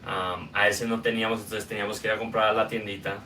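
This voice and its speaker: A young man from Guatemala with a Guatemalan Spanish accent, hosting a podcast and telling his own life story in a casual, unhurried way with many filler sounds. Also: fairly low pitch, flat delivery, sharp tone, distant mic, a little hiss or hum. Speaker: podcast host. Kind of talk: personal storytelling monologue.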